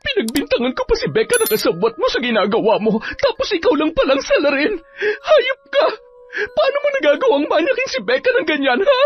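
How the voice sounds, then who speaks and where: A woman's voice: sits high, wildly swooping pitch, fast talker, hardly any pauses, highs cut off, faint music behind. A woman playing a furious betrayed wife. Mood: furious, tearful. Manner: shouting through tears. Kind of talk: dramatized story acting.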